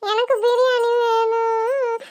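A woman's voice: very high voice, steady tone, moderate pace, background noise. A woman with a Kanyakumari Tamil accent voicing a stubborn little village girl who whines and cries for food. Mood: whining. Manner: whining and pleading.

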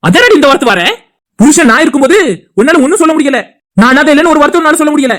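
A woman's voice: high voice, lively intonation, racing. Woman voicing a furious scolding husband. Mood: angry scolding. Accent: Tirunelveli Tamil. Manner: scolding, insulting, heated. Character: angry loyal husband defending his brother. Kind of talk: cartoon dialogue acting.

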